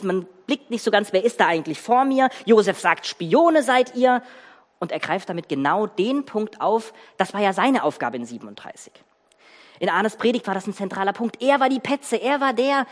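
A preacher delivers a sermon in a long, ringing hall, the voice sitting at an ordinary middle pitch. The telling is animated and emphatic, with lists of words thrown out and pauses held for effect. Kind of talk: sermon with dramatic Bible reading. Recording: reverberant church hall.

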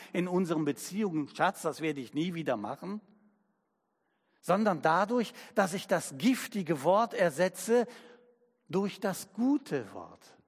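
A male pastor delivering a sermon in a slow, emphatic manner, his voice sitting a little high. He lingers over each phrase and drives his points home with everyday examples. The sound carries a long reverb, as in a large hall.

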